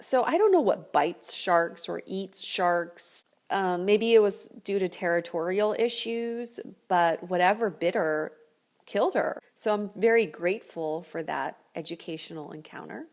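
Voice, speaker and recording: A woman's voice: lowish voice, a little slow, a little mellow. A woman video host telling a personal story to viewers in a casual, chatty way.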